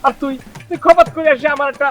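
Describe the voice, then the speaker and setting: A man's voice: very high voice, fairly even intonation, quick pace. A man playing a young village man, fretful and exasperated, with faint music behind. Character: short young village man unlucky in love. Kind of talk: comic village drama acting.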